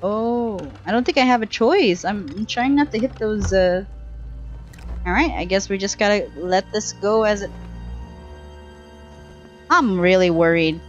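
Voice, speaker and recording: A young woman talks through her game live on a headset mic. Her voice sits at an average pitch, casual and chatty, thinking aloud in short bursts. Faint music plays behind her. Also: unhurried, pauses often, lo-fi sound. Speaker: game streamer. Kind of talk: casual live gameplay commentary.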